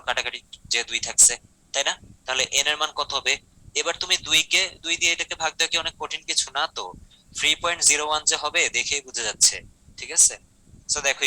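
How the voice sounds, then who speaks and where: A man's voice: mid-range voice, bright, forceful tone, rough recording. A man teaching chemistry in an exam-prep lecture. He explains step by step, mixes English terms into his speech and keeps checking in with the students. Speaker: chemistry tutor.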